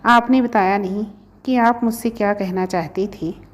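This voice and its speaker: A woman's voice: medium pitch, steady tone, normal speed, natural voice. A woman reading a shy, teasing college girl. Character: young female college student, shy and playful. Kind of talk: storybook reading.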